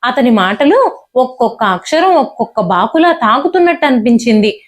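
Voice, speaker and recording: A woman's voice: fairly high pitch, big pitch swings, normal speed. A woman telling a dramatic family story in an emotive audiobook reading. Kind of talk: audiobook narration.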